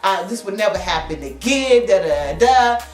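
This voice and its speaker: A woman's voice: medium pitch, expressive, normal speed, faint music behind, close to an everyday voice. A woman doing a sobbing, begging boyfriend. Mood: pleading. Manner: pleading, sobbing apologies. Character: crying, begging adult boyfriend. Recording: echoey room.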